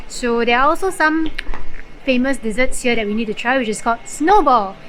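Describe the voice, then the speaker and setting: A woman's voice: a little high, fairly quick, fairly bright tone, a little hiss or hum, poor audio. A woman narrating a casual travel vlog outdoors, chatty and explanatory with lots of filler words like "so" and "like". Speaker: travel vlogger.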